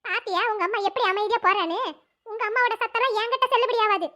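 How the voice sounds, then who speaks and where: A woman voicing a stern, bossy old village grandmother in a cartoon, with a shrill scolding manner. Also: quick pace, pushed and bright, muffled recording. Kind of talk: cartoon voice acting.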